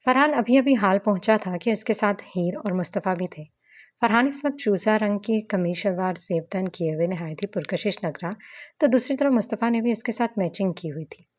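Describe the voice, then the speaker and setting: A woman reading a romance novel aloud in steady storytelling narration. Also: mid-range voice.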